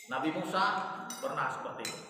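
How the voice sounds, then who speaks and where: A man giving a dawn sermon in a large mosque hall, now and then dropping to a slow hushed voice to show soft prayer. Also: medium pitch. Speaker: mosque preacher. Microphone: mosque microphone. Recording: very echoey hall, voice far from mic, faint hiss.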